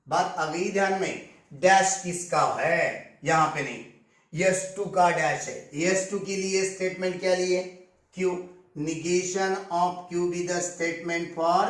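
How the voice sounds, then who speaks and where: A man teaching a maths lecture step by step, often stopping to check that students follow. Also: high-pitched. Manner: explains step by step, asks checking questions. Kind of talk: classroom lecture. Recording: echoey room, distant mic.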